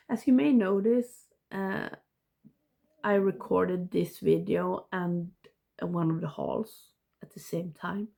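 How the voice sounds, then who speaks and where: Congested woman with a creaky, unhurried voice. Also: lowish voice, steady tone, dark tone. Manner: halting, rambling, self-interrupting. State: congested, blocked nose. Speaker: video reviewer. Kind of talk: casual ranking review to camera.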